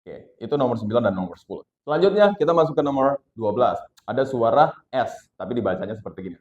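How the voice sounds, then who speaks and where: A man teaching English pronunciation, slowly modeling sounds for learners to repeat. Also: medium pitch, expressive, a little mellow, reverberant, highs cut off, slight background noise. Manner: slow, drawn-out modeling of sounds, mixing English and Indonesian. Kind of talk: classroom lesson, modeling sounds for repetition.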